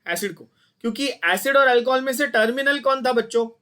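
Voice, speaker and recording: Man, high voice, chemistry teacher, online class, blunt, quizzing. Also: brisk, bright, forceful tone, clean tone. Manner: mixes Hindi and English, quizzes students constantly, blunt and scolding.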